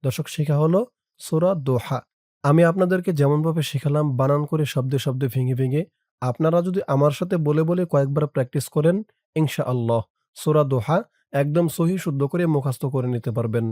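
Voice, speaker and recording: A man with a Bangladeshi Bengali accent teaching Quran reading, spelling Arabic words syllable by syllable and reciting them in a slow drawn-out chant. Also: a little high, no echo, clean studio sound. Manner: speaks to viewers directly in quick, soft-spoken asides.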